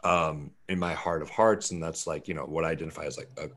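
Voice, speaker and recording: This young guest actor and filmmaker from West Virginia, USA, has a very deep, slightly bright voice, speaking fast with a steady tone. He rambles casually in the interview, self-correcting with lots of fillers and restarts.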